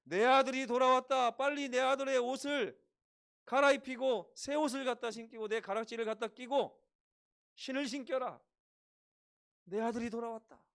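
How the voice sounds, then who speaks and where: A man voicing a joyful father who calls to his servants, in a loud, high, exultant voice. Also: steady tone, normal speed, gravelly, clean tone, exaggerated voice. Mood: overjoyed. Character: joyful father welcoming his lost son.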